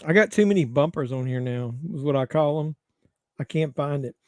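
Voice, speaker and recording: Middle-aged man, stream host, crude jokey banter, fairly high voice, dry close sound. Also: expressive, brisk, dry recording. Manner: crude, joking banter with chat. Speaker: livestream host. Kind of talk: casual watch-along chat.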